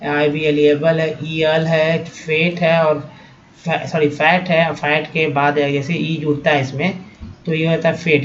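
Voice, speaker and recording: A man's voice: on the high side, highs cut off. A man teaching English spelling and pronunciation from slides, explaining patiently step by step and often checking in with his viewers. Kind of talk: slide-based language lesson.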